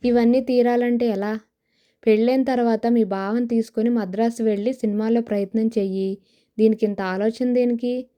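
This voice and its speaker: A woman's voice: on the high side, fairly even intonation, moderate pace, mellow, close to an everyday voice. A woman voicing a scheming young woman who coaxes her friend with persuasive talk, in an audio novel. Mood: coaxing. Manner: coaxing, persuasive.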